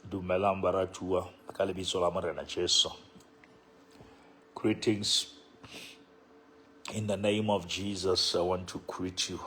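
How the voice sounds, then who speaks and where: Slow, low-voiced man with a Sotho accent. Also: flat delivery, bright, forceful tone, a little hiss or hum. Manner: unhurried, repeats phrases. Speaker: bishop, live stream host. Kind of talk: casual livestream greeting of viewers by name.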